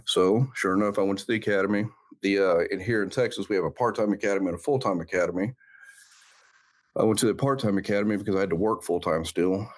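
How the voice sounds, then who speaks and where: A middle-aged man with a low, deep voice recounts a personal story in a sit-down interview. He speaks earnestly and reflectively, often pausing on "uh" and restarting his sentences as he works through the memory. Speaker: interview guest, founder of a law enforcement brand.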